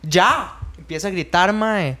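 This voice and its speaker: A man's voice: high voice, animated, normal speed, fairly bright tone. A young man with a Costa Rican accent, eagerly telling an anecdote in slangy casual chat. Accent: Costa Rican Spanish. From Costa Rica. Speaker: podcast co-host.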